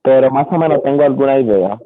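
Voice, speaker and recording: A man's voice: medium pitch, no echo. A man asking a hesitant question in a Bible study, his call audio glitching and cutting out on a weak phone connection. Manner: hesitant, halting with fillers. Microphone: phone on a weak internet connection. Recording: tinny, breaking-up phone line from far off.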